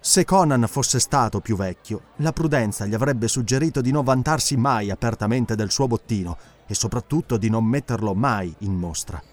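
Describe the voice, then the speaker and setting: A man reading an adventure audiobook aloud with dramatic, expressive narration. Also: mid-range voice, normal speed, few pauses, soft background music. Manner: expressive, animated storytelling.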